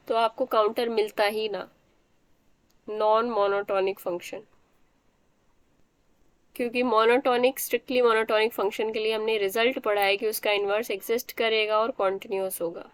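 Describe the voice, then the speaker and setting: A woman with a somewhat high voice teaches a math class. She walks through each step patiently and keeps asking whether the students follow. The sound is dry and close. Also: clear, resonant tone, no room sound. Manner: explains step by step, often checks understanding. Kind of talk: math lecture.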